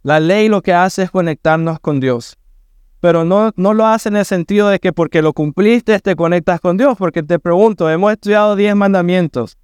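A man's voice: sits high, moderate pace, a little mellow, clean tone, no room sound, clean studio sound. A middle-aged man preaching a sermon in church, earnest and building to emphatic points about the law and forgiveness. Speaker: pastor.

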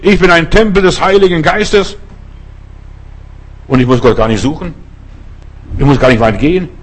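A man's voice: a little high, moderate pace, breathy edge. A middle-aged man from Germany preaching a sermon, telling stories emphatically and addressing the listeners directly.

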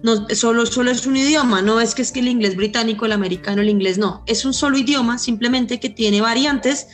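A woman's voice: on the high side, a little fast, faint music behind. A woman from Colombia with a Colombian accent, an English teacher explaining her view fluently and earnestly with examples. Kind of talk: explanatory panel answer.

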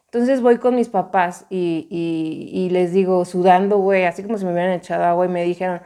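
A young woman with a Mexican accent tells a personal story in a casual, slangy, emphatic way, repeating herself often. Her voice is warm and fairly low in pitch, with fairly even intonation and a fairly quick pace.

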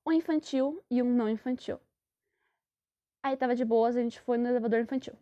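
A woman's voice: fairly high pitch, a little fast, dark tone. A young Brazilian woman, casually telling a rambling personal story and correcting herself as she goes. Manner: chatty, rambling, self-correcting. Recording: dull lo-fi sound.

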